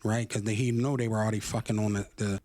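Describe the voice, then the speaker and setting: Male interview guest, low voice, measured gossipy storyteller, dry recording. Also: steady tone, darkish tone, no echo. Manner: measured, gossipy retelling with fillers. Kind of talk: conversational storytelling.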